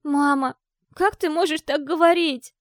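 A woman voicing a grieving teenage younger sister who cries and shouts accusations. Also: extremely high pitch, measured pace, creaky, dry recording, clean studio sound, pitched above the performer's own voice, heavily acted. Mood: tearful, accusing. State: crying. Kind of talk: audiobook character voice.

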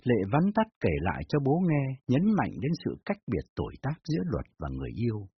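A man narrating a dramatized audiobook story with expressive storytelling. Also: mid-range voice, brisk, a little hiss or hum. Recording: dull lo-fi with faint music.

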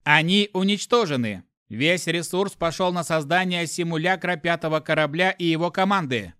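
A man voicing a cold, calm ship computer. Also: on the high side, normal speed, smooth, no echo, studio quality, voice pushed up. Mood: cold, announcing. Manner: flat, emotionless announcing tone. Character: cold, detached onboard ship computer, genderless machine. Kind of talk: audiobook reading.

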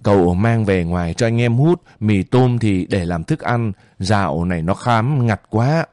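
A man doing a sharp-tongued young village woman. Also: fairly low pitch, expressive, dry recording, clean studio sound. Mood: urgent. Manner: scolding, quick and insistent.

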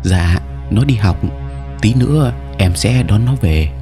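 A man voicing a gentle, caring young mother in an audio story, speaking softly and coaxingly. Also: fairly low pitch, expressive, slow, music in the background, pitched above the performer's own voice. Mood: welcoming. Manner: soft, coaxing.

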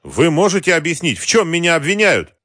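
A man's voice: fairly high pitch, sing-song, moderate pace, a bit bright, slightly rough, dry recording, clean studio sound, voice pushed up, heavily acted. A man voicing a haughty male company president who talks down to others. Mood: indignant. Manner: displeased, imperious.

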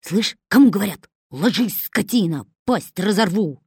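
A woman voicing a petty male pickpocket in an audiobook, whining and yelling in coarse slang. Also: mid-range voice, big pitch swings, normal speed, husky, no room sound, clean studio sound. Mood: angry. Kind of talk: audiobook character voice.

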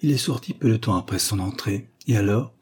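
A plain-spoken courthouse concierge, read by a male narrator in a story reading. He answers in a matter-of-fact way, with a dark, husky tone. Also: on the low side, fairly quick.

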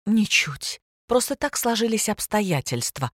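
A weary middle-aged mother answers softly and calmly, quietly firm, as a woman narrator voices her. Her voice sits in an ordinary middle pitch. The recording is dry, with no room sound. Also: a little slow, no room sound. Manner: soft, restrained, calm.

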